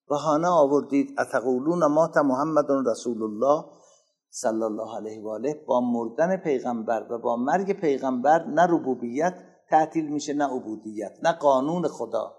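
A man giving a religious lecture, slowly reciting Arabic passages and explaining them in casual speech, growing louder on key phrases. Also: mid-range voice, husky. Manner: emphatic, rising in loudness on key phrases. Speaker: preacher.

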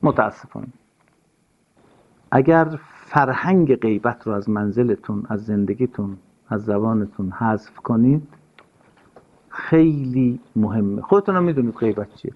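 A man giving an earnest, sermon-style talk, stressing his points and repeating key phrases. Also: mid-range voice. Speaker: religious speaker. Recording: dull lo-fi recording.

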